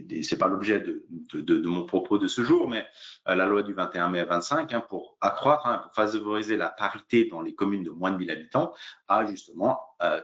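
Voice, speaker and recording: Here a lawyer hosts a webinar, semi-improvising an explanation of legal points one step at a time while stumbling over frequent fillers. He has a deep, slightly bright male voice, captured on dull-sounding audio.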